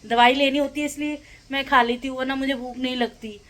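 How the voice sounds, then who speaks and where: A woman's voice: high-pitched, fairly even intonation, fairly quick, a bit bright, poor audio. A middle-aged woman from India, chatting casually to her phone camera at home as she narrates her day and talks to her dog. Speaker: vlogger. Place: home, indoors.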